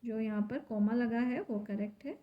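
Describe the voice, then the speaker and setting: A woman teacher, going through a grammar lesson slowly and step by step, asking and answering her own questions. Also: fairly high pitch, muffled recording, slight background noise. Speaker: school teacher.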